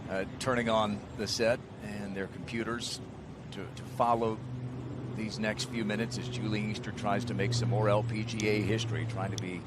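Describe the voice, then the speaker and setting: A man's voice: on the low side, flat delivery, moderate pace. A man giving live golf commentary as the lead announcer on a broadcast. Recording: noisy outdoor broadcast sound.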